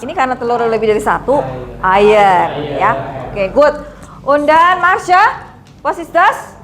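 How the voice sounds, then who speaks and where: High-voiced lady teaching german, slow and patient, lots of class chatter around. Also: very animated. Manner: switches between German and Indonesian, coaxing students to read. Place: classroom with students. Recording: noisy classroom with student chatter.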